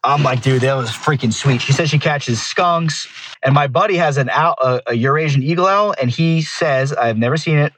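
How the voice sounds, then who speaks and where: A man's voice: a little high, normal speed, a bit bright, a little hiss or hum. Slangy man telling casual stories. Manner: slangy, peppers talk with dude and bro. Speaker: guest falconer telling stories. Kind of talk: casual chat, animated storytelling.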